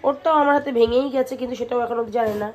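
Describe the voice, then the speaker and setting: A woman's voice: fairly high pitch, steady tone, rapid-fire, a little mellow. A woman, rambling through a casual family vlog at home and often saying "anyway". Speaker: family vlogger, mother of twins. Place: at home, indoors. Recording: noisy home ambience.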